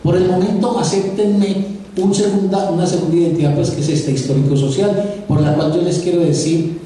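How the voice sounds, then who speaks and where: With a Paisa (Antioquian Spanish) accent, this professor from Antioquia, Colombia, addresses a live auditorium audience conversationally, often repeating words as he thinks. His voice is high-pitched and mellow, with fairly even intonation and a slightly fast pace. The sound is echoey and distant, with faint noise.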